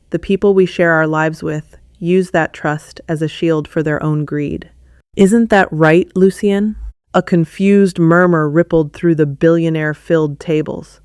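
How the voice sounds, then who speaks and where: A woman giving a measured, cool first-person narration of a scripted story. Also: low voice, clean tone, dry recording, clean studio sound.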